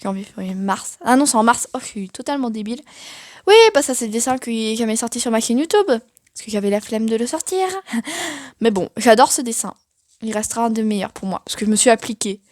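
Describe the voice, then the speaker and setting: A woman's voice: a little high, lively intonation, brisk, dry recording, studio quality. A young woman giving a casual, chatty tour of her sketchbook, self-mocking and full of fillers. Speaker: art vlogger.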